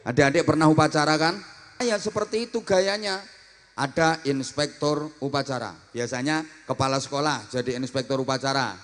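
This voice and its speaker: A man giving a humorous sermon, acting out different greetings and teasing his listeners. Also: fairly high pitch. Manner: lively, acts out greetings in many voices, teasing the audience. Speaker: preacher. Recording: long hall reverb.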